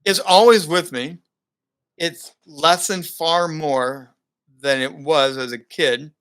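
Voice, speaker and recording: This middle-aged broadcaster and keynote speaker, appearing as a guest, is an animated storyteller who laughs a lot in a casual interview. He speaks slowly, with a clean voice on the high side.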